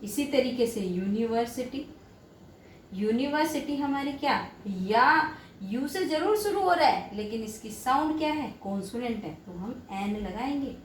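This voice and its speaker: High-voiced woman teaching grammar. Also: animated, a little slow. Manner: asks and answers her own questions, repeats key points. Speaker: English teacher. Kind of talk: classroom grammar lesson. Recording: echoey room with faint background noise.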